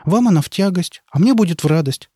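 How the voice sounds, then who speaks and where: A male narrator voicing a fussy, kind elderly village woman who exclaims and frets in a high voice. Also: lively intonation, fast talker, mellow, no room sound, studio quality. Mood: pleading.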